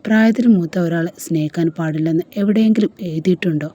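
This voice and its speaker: A woman voicing a devoted young man who gently reassures the woman he loves, in a storybook reading. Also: fairly low pitch, fast talker, lightly acted. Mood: tender.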